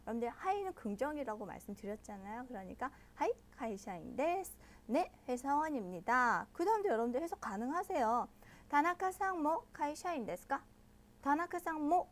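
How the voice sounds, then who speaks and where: Brief: bright high-pitched female teacher, patient, walks learners through each point. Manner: patient, explains step by step and checks in with listeners often; models pronunciation slowly and loudly. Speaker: Japanese language teacher. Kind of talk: online language lesson.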